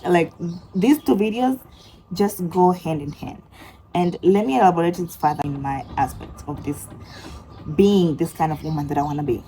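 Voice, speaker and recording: Chatty young woman, low mellow voice. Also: normal speed, slight background noise, rough recording. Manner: chatty, lots of fillers, swings into animated outbursts. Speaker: vlogger. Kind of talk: casual storytelling to camera.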